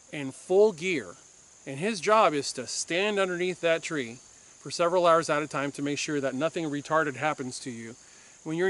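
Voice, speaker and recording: On his firearms channel, a man from Puerto Rico who used to be a police officer argues his opinion insistently to camera and repeats himself for force. His voice sits on the high side with a fairly bright tone.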